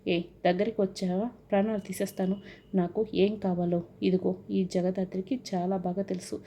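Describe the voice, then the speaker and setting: Woman reading out a threatening villain man posing as a priest, mellow dark voice. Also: mid-range voice, level tone, moderate pace, slight background noise, lightly acted. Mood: menacing.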